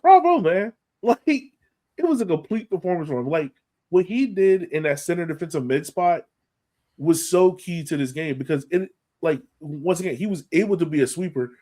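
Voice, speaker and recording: An American man co-hosts a sports podcast, breaking down a match in colloquial, emphatic terms and repeating points to drive them home. His voice is fairly high and dark-toned, animated, at a normal speed.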